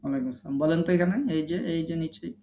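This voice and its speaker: A man's voice: fairly high pitch, steady tone, warm tone, a little hiss or hum. Patient man teaching recitation online. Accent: Bangladeshi Bengali. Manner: patient, corrective, drills sounds slowly and repeats them. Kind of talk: live online class, correcting students one by one. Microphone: online class call.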